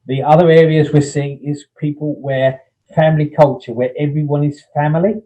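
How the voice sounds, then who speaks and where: A man's voice: a little high, fairly even intonation, moderate pace, warm tone, muffled recording. A man giving a plain-spoken talk on landlord licensing rules, explaining with everyday comparisons and frequent ums.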